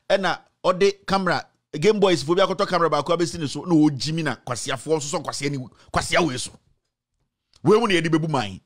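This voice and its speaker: A man in his thirties with a Ghanaian accent, ranting angrily on a political talk show, switching between English and Twi. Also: sits high. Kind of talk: heated political commentary. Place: small studio with screen backdrop. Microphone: studio mic on stand.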